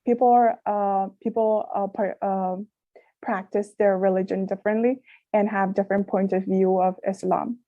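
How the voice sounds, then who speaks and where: Uma jovem mulher do Afeganistão apresenta com cuidado, hesitando e recomeçando frases. Tem uma voz suave e escura, gravada de forma seca, sem eco. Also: female voice, medium pitch, fairly even intonation, mellow, no room sound, muffled recording. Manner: careful, halting with restarts. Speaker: social work intern presenter. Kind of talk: prepared presentation.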